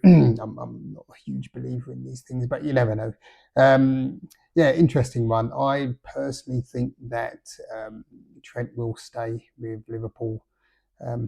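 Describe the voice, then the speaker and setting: A middle-aged man hosts a casual solo football podcast, hesitating with lots of fillers and making dry, understated remarks. His mid-range voice is gravelly and mellow with a breathy edge.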